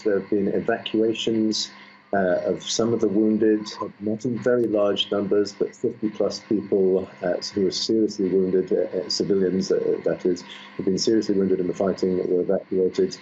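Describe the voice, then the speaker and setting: A male correspondent reporting live over a low-quality stream link, halting, with many fillers and restarts. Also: fairly even intonation, warm tone. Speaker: foreign correspondent. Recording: muffled lo-fi line with faint noise.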